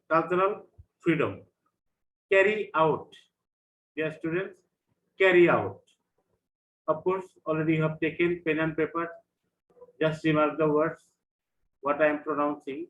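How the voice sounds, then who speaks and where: A man's voice: fairly high pitch, a bit bright. A man with a Bangladeshi accent, an English lecturer giving an online vocabulary class, repeating each word with its meaning in two languages. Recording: echoey room, dull lo-fi sound.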